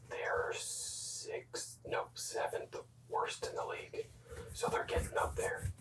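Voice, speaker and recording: A young adult whispering in a soft, unvoiced ASMR style, slowly repeating words and rambling through casual, self-correcting asides. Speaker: ASMR creator showing hockey jerseys. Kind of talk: whispered ASMR show-and-tell. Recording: echoey room, voice distant from mic.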